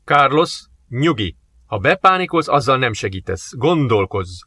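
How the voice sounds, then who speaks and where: A man's voice: medium pitch, very animated, bright, forceful tone, breathy edge, no room sound, heavily acted. A man reading an audiobook, voicing a harried male police captain who speaks brusquely and with exasperation. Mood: panicked.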